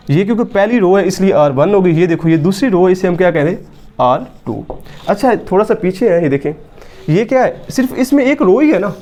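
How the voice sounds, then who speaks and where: High-pitched guy teaching math at a whiteboard, soft relaxed tone, keeps asking questions then answering them. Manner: explains step by step with frequent rhetorical questions. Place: classroom with whiteboard.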